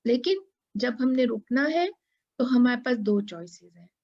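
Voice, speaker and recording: A woman teaches a tajweed lesson, explaining patiently, asking her students questions, and chanting Quran verses in a drawn-out style. Her voice is a little high with lively intonation and a darkish tone, and the recording's highs are cut off.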